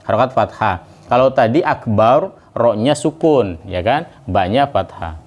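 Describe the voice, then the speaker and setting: Guy teaching quran reading, talks slow and easy, stretches the verses way out. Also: medium pitch, lively intonation, dull audio. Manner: unhurried, stretches out recited verses slowly; casual explanations in between, calls the class to repeat. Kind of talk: teaching Quran recitation to a group.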